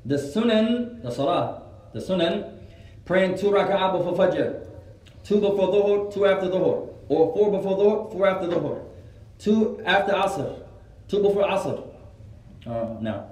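A man teaching a religious studies class, repeating each point slowly so students can write it down. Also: high voice, lively intonation, a little mellow, echoey room, distant mic, rough recording. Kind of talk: classroom lesson, Arabic then English.

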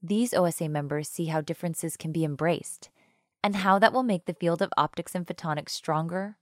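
A woman's voice: on the low side, fairly quick, no echo, studio quality. A woman narrating a scripted documentary voice-over with a polished delivery.

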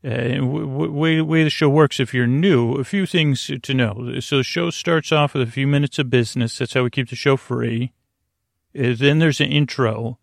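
A podcast host with a creaky voice eases listeners toward sleep in a wandering bedtime monologue full of halting repeats and long pauses. His mid-range voice stays steady, and the studio recording is clean with no echo.

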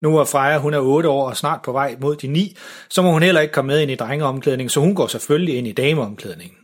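A man narrating a children's story in an even, gentle way, with a husky voice. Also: mid-range voice.

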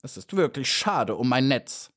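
A man voicing a sly, scheming old female spider in a storybook reading, with a croaky voice and a falsely polite, mocking manner. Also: mid-range voice, very animated, a little slow, a bit bright, pitched above the performer's own voice.

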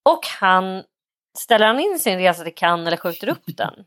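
A woman's voice: mid-range voice, very animated, fairly bright tone, dry recording, clean studio sound. A woman, co-hosting a casual podcast chat and telling stories full of swearing and acted quotes. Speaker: podcast co-host.

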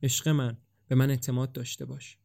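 A man's voice: mid-range voice, little pitch movement, creaky, dark tone, dry recording, clean studio sound, lightly acted. Anxious young man in a storybook reading, voiced by a man; earnest and searching. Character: anxious, questioning young man facing death. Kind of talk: audiobook dialogue reading.

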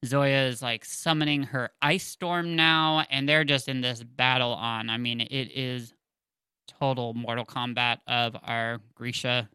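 A man's voice: mid-range voice, fairly even intonation, unhurried, bright, forceful tone, clear, resonant tone, no echo, clean studio sound. A man hosting a casual book chat. He reads passages aloud and talks in a chatty way, with many fillers and self-corrections. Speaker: book podcast host.

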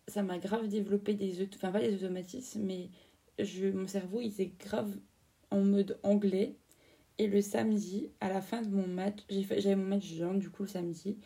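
A young woman from France in her twenties tells a story in a loose, chatty podcast style, full of fillers and slang. Her voice is very dark and mellow, with a gravelly edge. She sits a little back from the mic. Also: mid-range voice, far from the mic. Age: 20s. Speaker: podcast host.

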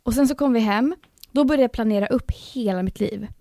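A young woman, co-hosting a podcast in casual, animated chat, swearing freely. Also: on the high side, dry recording, clean studio sound. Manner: lively, swearing, animated storytelling. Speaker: podcast co-host.

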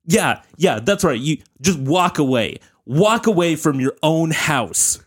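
A man's voice: a little high, animated, a little slow, slightly rough. A man co-hosting a comedy podcast, protesting in an exasperated way in a skit. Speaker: podcast co-host.

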